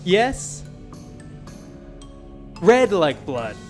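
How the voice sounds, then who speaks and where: A man's voice: high voice, big pitch swings, extremely slow, faint music behind, full character voice. A man voicing a creepy, overly polite male innkeeper who claims a lisp and stresses words oddly. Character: creepy grinning male innkeeper, suspiciously cheerful.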